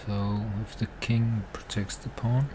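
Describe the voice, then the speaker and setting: Slow-talking man commentating over noise. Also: fairly low pitch, steady tone. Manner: halting, thinking aloud. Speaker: amateur chess commentator. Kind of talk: casual live game commentary. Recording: clearly noisy background.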